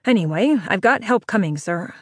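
A courteous hotel operator, a man heard over an emergency phone in an audiobook, tinny and apologetic, as a woman narrator puts him on. He talks in a raised, brighter voice than the narration and stays carefully polite. The recording is dry and close. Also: medium pitch, animated, moderate pace, no room sound, close to an everyday voice.

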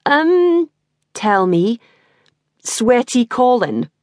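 A woman doing a sheepish, high-pitched male friend. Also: sing-song, drawn-out words, no echo, studio quality, exaggerated voice.

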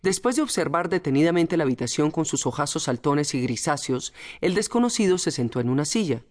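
A woman reading a novel aloud as audiobook narrator in a measured, dramatic manner. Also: sits low, lively intonation, darkish tone. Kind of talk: scripted narration.

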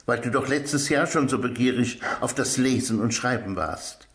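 A man's voice: mid-range voice, moderate pace, roomy sound, natural voice. A man voicing a kindly, enthusiastic scribe in a children's audiobook, speaking in a friendly way.

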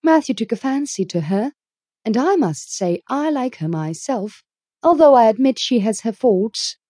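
A woman's voice: on the high side, lively intonation, normal speed, warm tone, no echo, voice pushed up. A woman doing a dry, firm spinster. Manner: dry, firm, plain-spoken. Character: stern, dry middle-aged spinster woman. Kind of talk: audiobook character reading.

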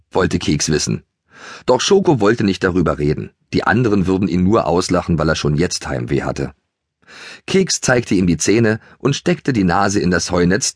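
A man narrating a children's audiobook with lively, expressive storytelling. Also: sits low, slightly rough, no room sound, studio quality.

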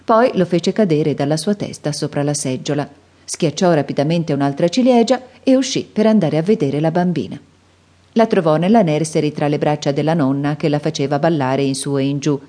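A woman narrating a classic novel as an audiobook, in a calm, even storytelling manner. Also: sits low, brisk. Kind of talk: scripted narration.

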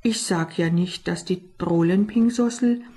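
A woman voicing a greedy, slow-witted fat male sparrow in a storybook reading, whining and complaining. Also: lowish voice, warm tone, slightly rough. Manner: whiny, complaining.

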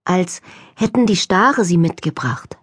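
A woman voicing a gentle but passionate young lady who speaks softly. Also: lowish voice, animated, measured pace, breathy edge, dry recording, studio quality. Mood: gentle, soothing. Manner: soft yet passionate.

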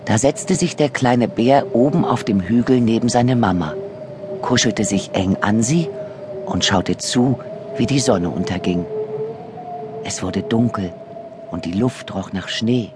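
A man narrating a bedtime audiobook in a gentle, unhurried storytelling manner. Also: fairly low pitch, noisy background. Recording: audiobook with music beneath. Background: music.

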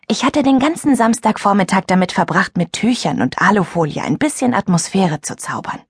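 A woman narrating a youth audiobook in the first person, chatty and expressive. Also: medium pitch, brisk, husky, no room sound, studio quality.

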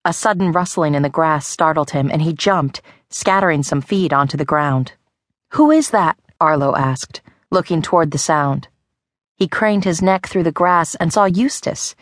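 Low-voiced woman reading a kids' story. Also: no echo, clean studio sound. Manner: lively, expressive storytelling. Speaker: audiobook narrator. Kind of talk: children's audiobook narration. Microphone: close studio mic.

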